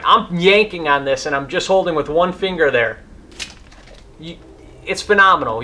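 A fishing channel host in his thirties reviews fishing gear casually from his garage, which holds a boat and rods, talking with hands-on enthusiasm. His voice is on the high side with a sharp tone.

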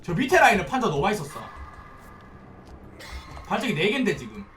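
Young man, game streamer, excitable, swearing, bright tense voice, roomy distant mic. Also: high-pitched, a little fast. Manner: excitable, swears often, pleads loudly with teammates. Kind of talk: live gameplay commentary. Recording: roomy, distant mic, faint background noise.

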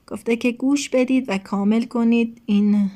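A woman teacher from Iran whose fairly high voice is getting hoarse, so she clears her throat now and then. She talks through an English lesson slowly and patiently, pausing on fillers. She mixes English phrases into her explanations. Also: fairly even intonation, warm tone. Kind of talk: recorded online lesson.

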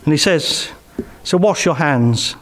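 An older preacher with an English accent speaks at an expressive, slow pace during a sermon in a church hall, picked up by a headset mic. His voice sits a little high, and his earnest, emphatic delivery often sinks into soft, intimate phrases.

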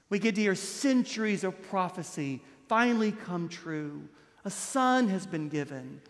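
A man in his thirties, a priest delivering a Christmas Eve homily with impassioned preaching, dropping low and soft on key words. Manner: gestures broadly while standing at a lectern. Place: large stone church, indoors. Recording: long church reverb.

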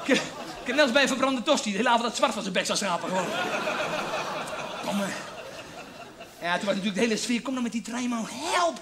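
Brief: manic, crude male stand-up comic, very high voice, live stage recording with audience laughter. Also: fast, long pauses, over a noisy crowd, very noisy. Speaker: stand-up comedian. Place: theatre stage before an audience.

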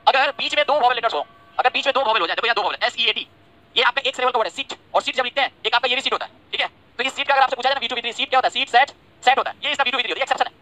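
A man races through an online grammar lesson at a breakneck pace. His voice is bright and forceful. He keeps repeating points and checking that his students follow, and he drops in teasing, chatty asides. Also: extremely high pitch, racing. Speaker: English grammar teacher.

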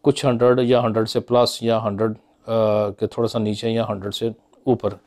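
Filmed on a phone held at arm's length, a middle-aged Pakistani man who comments on business speaks directly to the camera from a small office with framed certificates on the wall. His voice is lowish and darkish with little pitch movement, and he muses casually through his figures, leaning on many fillers and gesturing with his hands.

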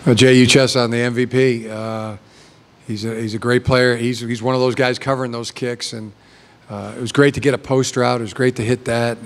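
Flat in delivery and mid-range in pitch, a middle-aged head coach speaks at normal speed while answering press questions after a game. He stumbles through restarts and fillers at a table mic, in a press conference room with a backdrop.

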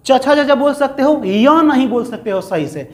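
A man's voice: very high-pitched, expressive, normal speed, a little mellow. A male teacher, giving a step-by-step grammar lesson to students and answering his own questions as he goes. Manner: explains step by step, asks questions and answers them.

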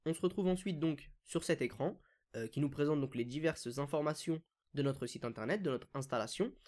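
A man hosting a screen-recorded software tutorial, explaining each step casually with frequent fillers. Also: a little high, fairly quick. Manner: casual, step-by-step, many "donc" and "euh" fillers. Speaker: WordPress consultant and YouTube tutorial host.

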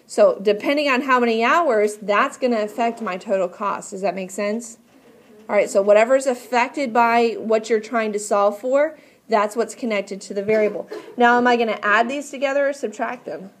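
A woman's voice: on the high side, normal speed. A woman teaching a math class step by step in a patient, instructive way, often asking questions to check understanding. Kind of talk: classroom lesson, explaining step by step.

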